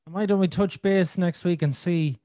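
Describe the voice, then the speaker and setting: A man's voice: high-pitched, moderate pace, dark tone, no room sound, clean studio sound. A man hosting a podcast in casual, candid conversation, with a blunt, sweary, joking manner. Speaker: podcast host.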